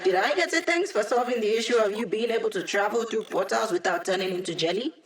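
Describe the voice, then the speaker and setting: A woman's voice: on the high side, quick pace, close to an everyday voice. A young hacker ally from a video game, played by an actress. She is playful and wry. Her delivery is casual, full of teasing asides. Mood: playful, offhand.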